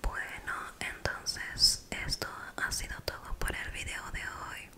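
Whispering young woman, ASMR close-up. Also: slow pace. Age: young adult. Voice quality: soft breathy whisper. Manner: hushed, intimate, close to the mic. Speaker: ASMR video creator. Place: small bedroom, indoors. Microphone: close desk microphone.

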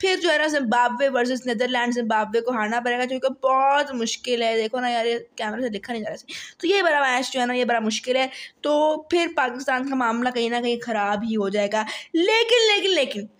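Male host with a notably high voice, excitable, thinks out loud on camera. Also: brisk. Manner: chatty, excitable, thinks aloud with fillers. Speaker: cricket explainer host. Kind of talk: casual explainer talk to camera.

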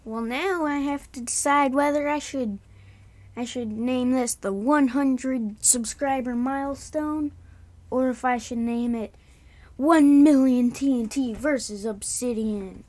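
A woman giving casual gameplay commentary in a sleepy monotone, having just woken up. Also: high-pitched, takes it slowly. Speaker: gaming YouTuber.

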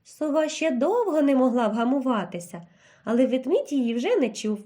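A woman narrating a children's fairy tale in an expressive, animated storytelling manner. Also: sits high, normal speed.

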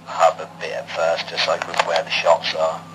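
A man chatting casually with a fellow player through in-game voice chat, answering in a relaxed, easygoing way. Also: low voice, normal speed, background noise. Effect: heard through in-game voice chat. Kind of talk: casual chat while gaming. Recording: voice chat under game music.

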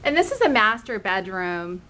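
A woman's voice: mid-range voice, big pitch swings, moderate pace, sharp tone. A woman in her thirties, a real estate agent, giving an upbeat room-by-room tour of a rental condo, filmed on a handheld camera. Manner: upbeat, pointing things out room by room. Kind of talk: walkthrough narration of a rental tour. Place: outdoors at a front door, then walking through an empty condo.

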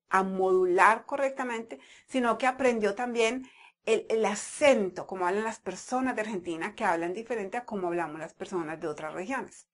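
A woman with a Colombian paisa accent from Medellín talks to camera as a language teacher. Her voice sits at a middle pitch, and she explains in an easy conversational way, now and then repeating a word as she gathers her thoughts. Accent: Colombian Spanish, Medellín (paisa). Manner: conversational, repeats words while thinking. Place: United States.

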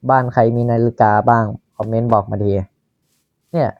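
A man's voice: mid-range voice, steady tone, dry recording, lo-fi sound. A Thai man casually commenting on his own Minecraft building, chatting to himself as he works. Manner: slow, chatty, talking to himself while building. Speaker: Minecraft YouTuber.

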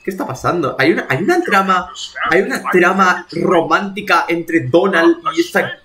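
A man's voice: sits high, expressive, normal speed, crowd noise. Exasperated man swearing at a game. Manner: exasperated, swearing, talking to himself. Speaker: streamer. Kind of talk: live gameplay commentary.

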